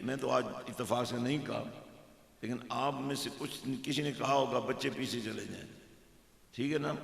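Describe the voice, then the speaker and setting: Slow, gravelly preacher man in echoey mosque. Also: medium pitch. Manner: fervent, swelling to loud exhortation. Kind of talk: sermon.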